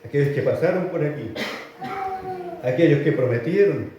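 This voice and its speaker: A man with a Chilean accent preaching a sermon emphatically and repetitively, often rising to loud exclamations in a church hall. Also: a little high, expressive, normal speed, recorded from a distance, dull audio, slight background noise. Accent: Chilean Spanish. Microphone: filmed for online viewers.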